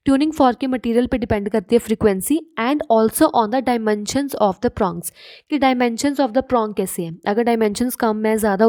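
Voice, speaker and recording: Woman teacher, mellow higher voice, dry close sound, patient self-questioning lecture style. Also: no echo. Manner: explains slowly, asks and answers her own questions; mixes English terms into Hindi. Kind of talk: classroom lecture.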